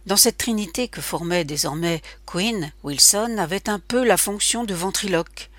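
A woman narrating a literary audiobook in a measured, even storytelling manner on a close microphone. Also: medium pitch, dry recording.

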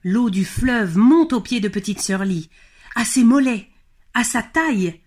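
A woman narrating a children's storybook in a lively, expressive, rhythmic way. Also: fairly high pitch, unhurried.

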